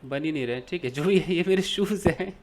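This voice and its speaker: A man's voice: a little high, a little fast, a little mellow. A man teaching an English grammar lesson in Hindi, explaining with everyday examples and asking and answering his own questions.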